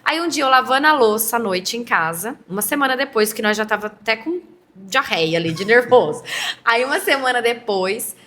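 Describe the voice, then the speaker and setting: A Brazilian woman with a slightly raised pitch tells a personal faith story in relaxed podcast chat. She is animated and slips into the voices of the people she quotes. Faint noise sits under her voice. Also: normal speed. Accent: Brazilian Portuguese. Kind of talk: emotional testimony in casual chat.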